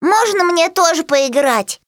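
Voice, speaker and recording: A tiny, timid pug puppy pleads in a high, squeaky voice that leaps all over the place, as a woman reading a storybook brings her to life. She sounds small and hopeful, with a whimper at the edges. Recorded close and dry. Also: expressive, a little slow, dry recording. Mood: eager.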